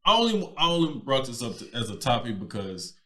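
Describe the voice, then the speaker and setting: A man's voice: mid-range voice, a little fast, crowd noise. Man co-host, easygoing banter, voice rising and falling a lot. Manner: relaxed banter, short replies, easy laugh. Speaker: podcast co-host. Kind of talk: casual chat.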